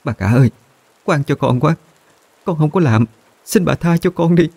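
Male narrator plays a pleading young woman servant: sobbing, raised pitch. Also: lively intonation, moderate pace, gravelly, darkish tone, husky, exaggerated voice. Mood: tearful pleading. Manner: sobbing, begging.

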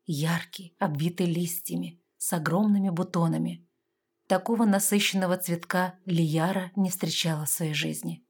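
A woman reading a fantasy novel aloud in a calm, even narration. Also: on the low side, moderate pace, breathy edge. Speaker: audiobook narrator.

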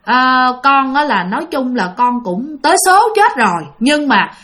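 A woman's voice: high-pitched, big pitch swings, measured pace, fairly bright tone, heavily acted. A woman telling of a bitter young man's ghost. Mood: resentful. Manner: insistent, repeating himself.

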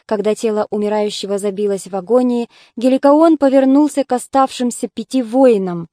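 A woman's voice: fairly high pitch, a little fast, mellow, no room sound, studio quality. Woman reading an audiobook. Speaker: audiobook narrator. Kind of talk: scripted narration.

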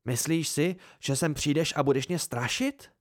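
A man's voice: lively intonation, no echo, studio quality, lightly acted. Man voicing Devi, a fierce, mocking young woman. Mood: hissing. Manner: sharp, mocking and hissing, voice raised high. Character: fierce proud young woman moneylender, ex-student of magic.

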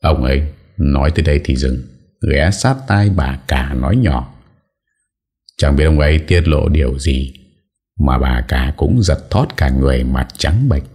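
Man, audiobook narrator, very deep voice, dark tone, steady storytelling. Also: a little slow, breathy edge.

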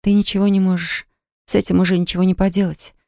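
A woman narrator voicing a hurt young wife who quietly refuses to forgive her husband in an audiobook. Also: medium pitch, fast talker, gravelly, no room sound, studio quality, natural voice. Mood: sad firm. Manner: quiet, sad and steady.

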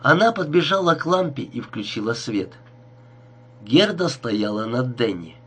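A man's voice: mid-range voice, sing-song, unhurried, slightly rough. A man narrating a crime story audiobook in a tense, dramatic reading.

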